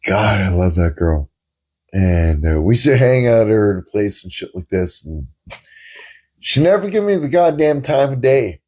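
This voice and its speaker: Brief: man, podcast co-host, mellow husky voice, rambling profane anecdotes. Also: lowish voice, sing-song, a little slow. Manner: rambling, profane storytelling with many fillers. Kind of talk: casual podcast chat.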